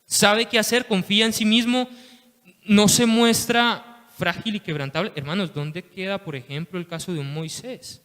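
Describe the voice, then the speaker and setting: Man, lay preacher, impassioned sermon, higher voice, echoing church hall. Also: steady tone, normal speed, fairly bright tone. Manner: impassioned, repeats "hermanos" and "¿sí?" often. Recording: long reverb of a church hall.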